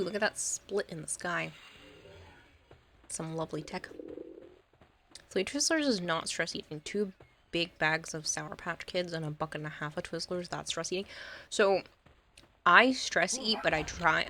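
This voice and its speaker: A woman's voice: fairly low pitch, moderate pace, long pauses, pushed and bright, slight background noise. A woman streaming a game, chatting casually with her viewers and reading out their comments, rambling along and laughing easily.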